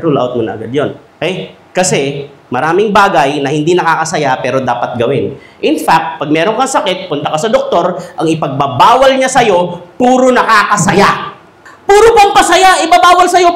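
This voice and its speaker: A man giving a humorous, animated talk to teachers in a school hall. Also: a little high. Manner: animated, joking, acts out quoted voices. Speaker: speaker at a teachers' seminar. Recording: echoey hall.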